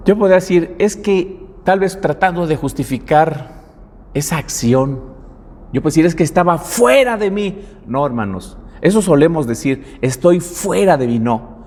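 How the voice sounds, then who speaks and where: A middle-aged man with a Mexican accent, preaching as a pastor and telling a personal story in an animated way. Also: on the high side, slight background noise. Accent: Mexican Spanish. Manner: animated storytelling, acts out quotes. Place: church hall. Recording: long hall reverb.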